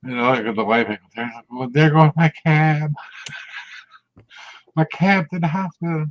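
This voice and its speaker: A man in his sixties speaks unhurriedly in a steady voice on the high side. His casual chat drifts through rambling stories full of chuckles, captured on muffled lo-fi audio.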